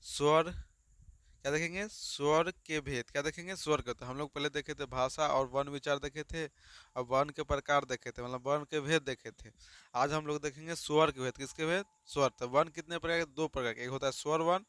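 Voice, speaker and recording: A man's voice: a little high, steady tone, brisk, fairly bright tone, smooth, no echo. A man teaching a grammar lesson, asking and answering his own questions over and over. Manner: repetitive call-and-response questioning.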